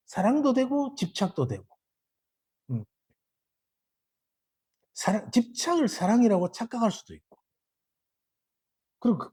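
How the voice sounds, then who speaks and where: Husky Buddhist teacher with a Gyeongsang accent. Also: male voice, high-pitched. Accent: Gyeongsang Korean. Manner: lively, asks the audience rhetorical questions. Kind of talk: sermon. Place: temple dharma hall.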